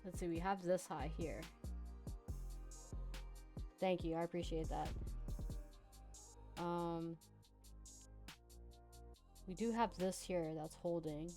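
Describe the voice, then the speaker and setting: A woman's voice: lowish voice, steady tone, slow, pauses often, mellow, soft background music. A woman streaming live trading practice, chatting casually with viewers, laughing and answering chat between chart notes. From United States (Hawaii and Virginia). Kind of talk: casual live backtesting commentary.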